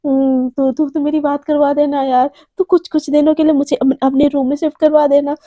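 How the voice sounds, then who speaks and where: Narrator as an excitable young girl, high and warm-toned, pushy. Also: fairly quick, no echo, close to an everyday voice. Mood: eager. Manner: eager, wheedling.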